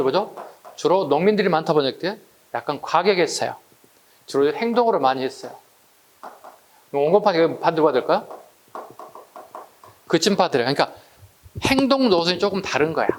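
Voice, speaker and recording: A man's voice: a little high, a little hiss or hum. A man teaching an exam-prep history lecture, chatty and full of rhetorical questions to his students.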